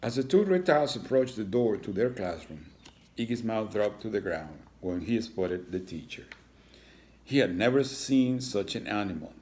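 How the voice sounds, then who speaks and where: Low-voiced man reading a children's story. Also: a little mellow. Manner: adds chatty asides to listeners. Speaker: reader.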